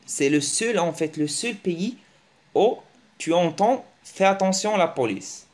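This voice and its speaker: A man giving a casual, joking online language lesson, teasing his viewers and breaking into animated bursts. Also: a little slow. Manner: joking, animated, teasing, with sudden pitch jumps. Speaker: language teacher.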